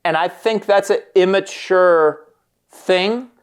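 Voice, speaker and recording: A man's voice: high voice, takes it slowly, clear, resonant tone. A man co-hosting a candid conversation, explaining in a frank, casual way and acting out the voices he quotes. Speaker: podcast co-host, therapist.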